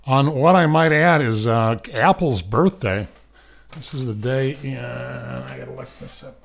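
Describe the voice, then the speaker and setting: A man's voice: medium pitch, unhurried, vocal fry. Male radio host, casual news rundown from a studio, loose and jokey, lots of fillers. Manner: rambling, wisecracking asides.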